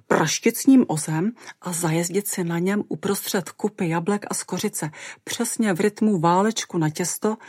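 A woman narrating a first-person audiobook in a lively, expressive way. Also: fairly low pitch, no echo, studio quality.

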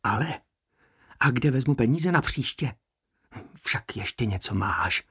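A man's voice: mid-range voice, lively intonation, sharp tone, breathy edge, no room sound, studio quality, pitched above the performer's own voice, heavily acted. A man voicing a whining, anxious male prisoner who haggles and complains plaintively. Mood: complaining.

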